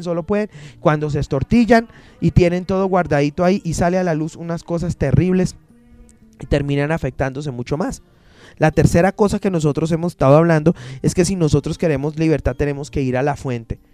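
A man's voice: fairly high pitch, dark tone. A man preaching a sermon as pastor, emphatic and repeating his phrases, acting out the people he quotes.

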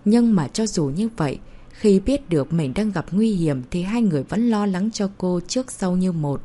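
Low, husky woman narrating. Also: expressive, moderate pace, warm tone. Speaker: audiobook narrator. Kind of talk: novel narration.

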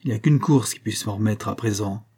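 A man reading an audiobook, voicing a contemptuous, hot-tempered young male horse trainer who shouts insults at his servant. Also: lowish voice, brisk, slightly rough. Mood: furious. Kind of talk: audiobook character voice.

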